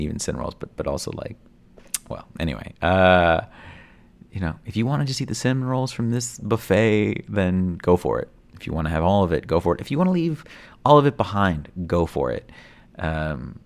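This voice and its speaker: A man's voice: sits low, vocal fry. A man hosting a stream-of-consciousness podcast, musing reflectively in a rambling way with many fillers and restarts. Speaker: podcast host.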